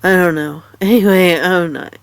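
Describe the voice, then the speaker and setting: A tired woman with a stuffy nose, half awake and chatting casually in a rambling, halting way. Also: on the low side, steady tone, clear, resonant tone, dry recording. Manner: rambling, halting, many fillers and restarts. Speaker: vlogger. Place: in bed at home.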